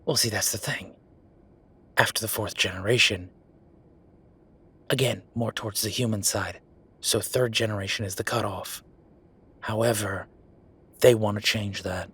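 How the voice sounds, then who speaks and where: A man acts out an audio drama role as a werewolf official at the end of his rope, griping to his partner with tired sarcasm, casual phrasing and deliberate pauses. The lowish, husky voice is fairly bright with fairly even intonation, and the performance is heavily acted. He sounds frustrated and defiant.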